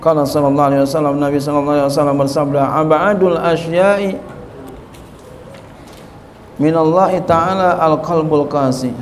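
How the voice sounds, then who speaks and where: A man preaching a sermon on a religious text in a conversational way, addressing the congregation with teasing asides. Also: fairly high pitch. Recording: long hall reverb, faint ambient noise.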